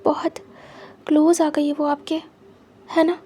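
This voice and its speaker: A woman voicing a hurt, jealous young man who talks to his husband in a quiet, reproachful way. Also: sits high, flat delivery, slow.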